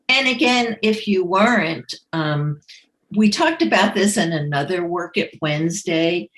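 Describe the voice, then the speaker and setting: A woman with a New York accent, a career coach answering questions in a relaxed, conversational way with frequent ums. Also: on the low side, roomy sound. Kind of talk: live Q&A advice session.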